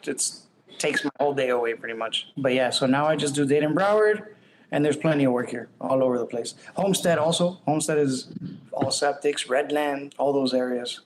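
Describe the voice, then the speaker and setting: Sex: man. Role: septic service operator. Style: casual podcast interview. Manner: plain-spoken, informal. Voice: mid pitch, faint noise behind. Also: a little fast, low-quality recording.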